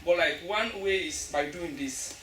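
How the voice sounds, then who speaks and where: A woman from Africa with a lowish, fairly bright voice speaks a little slowly but emphatically, often restarting her phrases. She is a panelist in an earnest audience discussion after a stage play in a school hall. The recording is noisy and echoey, picked up from far off in the hall.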